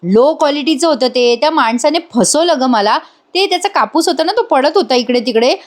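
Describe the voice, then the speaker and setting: A woman's voice: sits high, expressive, brisk. A woman voicing a flustered young man who stammers out excuses to his mother in a retold TV serial scene. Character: young son, flustered and evasive.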